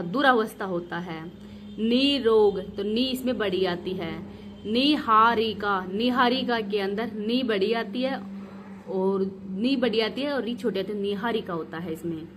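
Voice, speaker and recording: A woman teacher giving an exam revision lesson, repeating each word slowly to drill its correct spelling. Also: a little high, a little hiss or hum.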